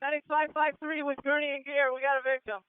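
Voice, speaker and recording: A man serving as fire incident commander, giving brisk, clipped orders over a two-way radio. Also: very high-pitched, flat delivery, dry recording. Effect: two-way radio transmission. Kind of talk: fireground radio traffic. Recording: tinny dry radio channel.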